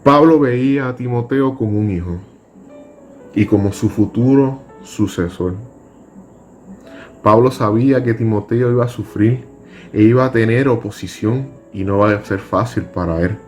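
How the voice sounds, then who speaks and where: Slow, deliberate male Bible teacher. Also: fairly low pitch, soft background music. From Puerto Rico. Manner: slow, deliberate, reads scripture aloud and explains it.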